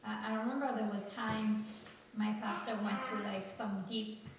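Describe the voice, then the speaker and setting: An earnest woman shares her testimony before a congregation, pausing often and leaning on fillers and tag questions. Her voice sits at an ordinary middle pitch. She is heard from across a very echoey church room, with clear background noise. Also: level tone. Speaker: church member giving testimony. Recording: very echoey church room, far from the mic, noisy.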